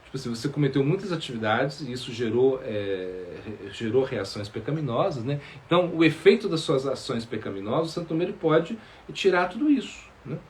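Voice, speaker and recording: Guy teaching about karma, stops and restarts a lot, medium pitch, faint noise behind. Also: very animated. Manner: halting, many fillers and repeated words. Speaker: spiritual teacher. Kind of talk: sermon answering questions.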